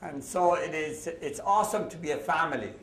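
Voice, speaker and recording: A man's voice: a little high, fairly quick, fairly bright tone. A man from Iran with a Persian accent, telling self-deprecating jokes as a guest speaker to a live audience. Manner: joking, self-deprecating storytelling. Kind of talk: humorous testimony to a church audience. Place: large hall with a live audience. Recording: echoey hall, mic from a distance, crowd laughter.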